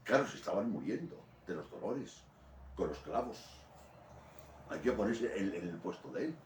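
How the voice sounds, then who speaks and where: A man with a Spanish accent from Spain, preaching a sermon in an animated storytelling way. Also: on the low side, normal speed, slight background noise. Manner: animated storytelling preaching, rising to loud peaks. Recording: roomy echo from a distant mic.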